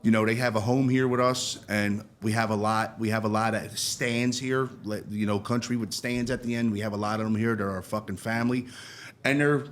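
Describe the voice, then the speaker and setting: A man's voice: on the low side, steady tone, a little fast, slight background noise. A man co-hosting a casual podcast, swearing freely and laughing as he jokes. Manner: profane, joking, laughs often. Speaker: podcast co-host. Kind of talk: casual chat.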